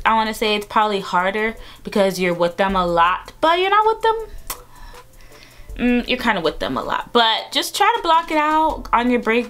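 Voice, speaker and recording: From inside her bedroom, an upbeat woman in her twenties vlogs straight to camera, chatting casually and using plenty of fillers. Her voice is medium-pitched with a fairly bright tone.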